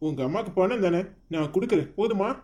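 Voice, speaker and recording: A woman's voice: mid-range voice, lively intonation, fast, warm tone, natural voice. A woman voicing a stern, jealous young husband who scolds his wife in a cartoon story.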